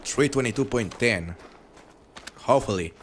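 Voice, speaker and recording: Against background noise, a young man with a foreign accent chats with his viewers while live-streaming a hunting game. His mid-range voice moves at a moderate pace, and his commentary is relaxed and chatty, rambling and restarting often as he reads chat.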